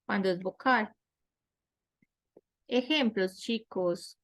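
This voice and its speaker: A woman's voice: medium pitch, takes it slowly. A woman teaching English grammar in an online class, explaining step by step and often asking her students questions.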